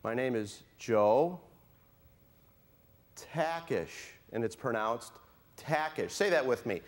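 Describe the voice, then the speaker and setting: Before a live conference audience, the middle-aged keynote speaker cracks jokes and calls for a show of hands. He speaks at normal speed in a mid-range voice with lively intonation.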